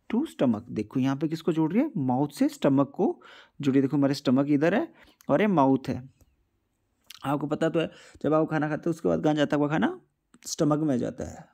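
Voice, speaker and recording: A man's voice: a little high, warm tone. A man teaching a school science lesson to children, repeatedly asking questions and answering them himself, mixing in English terms. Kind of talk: classroom-style video lesson.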